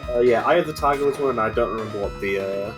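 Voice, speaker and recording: A man co-hosting a game stream, chatting casually, thinking aloud with pauses and casual swearing. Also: medium pitch. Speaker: co-host on a live game stream. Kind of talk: casual chat over gameplay. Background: game music.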